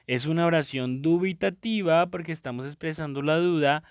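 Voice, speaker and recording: A man's voice: on the high side, moderate pace, clear, resonant tone, dry recording, clean studio sound. A man teaching a recorded lesson, explaining step by step in a patient way and often checking in with his students.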